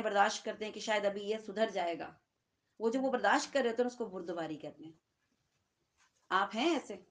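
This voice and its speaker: A woman with a Pakistani Urdu accent teaches a Quran lesson in a room with listeners. Her voice sits a little high, and she keeps the talk conversational, often stopping to ask her audience short checking questions. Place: lecture room with seated listeners.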